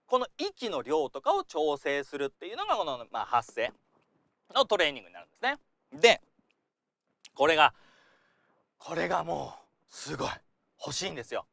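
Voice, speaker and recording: A man's voice: fairly high pitch, dry recording. A man giving a chatty lesson as an acting coach, talking casually and acting out little examples as he goes. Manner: lively, chatty, acts out examples.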